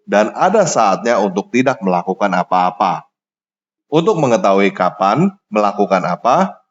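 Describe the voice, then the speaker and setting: A man giving a scripted sermon in a measured, emphatic teaching manner. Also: on the low side, muffled recording. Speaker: preacher.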